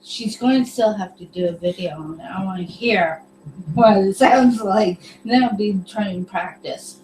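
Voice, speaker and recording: Slow-talking giggly woman in echoey room. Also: mid-range voice, warm tone, distant mic. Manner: reads viewer comments aloud, giggly. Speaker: livestream co-host reading chat. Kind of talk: casual livestream chat. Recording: echoey room with faint hum.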